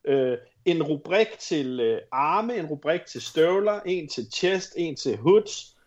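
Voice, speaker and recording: Male podcast panellist, lightish pitch, profane casual banter, slightly lo-fi sound. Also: lively intonation, a little mellow. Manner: informal, profane, joking. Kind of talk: casual chat.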